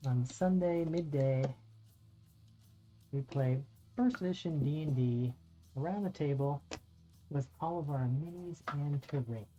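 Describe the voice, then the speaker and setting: A middle-aged man with a fairly high, mellow voice chats casually with viewers on a live stream while painting miniatures, speaking a little slowly with long pauses, rambling and swearing now and then. He's a streamer and dungeon master in a room at home by a window. The audio is dull and lo-fi, with faint music in the background.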